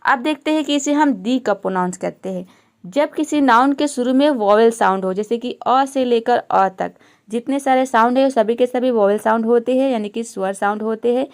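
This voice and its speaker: Woman, grammar teacher, patient, self-questioning, slightly high voice. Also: moderate pace, a little mellow. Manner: patient, asks questions and answers them herself. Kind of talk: explaining grammar step by step.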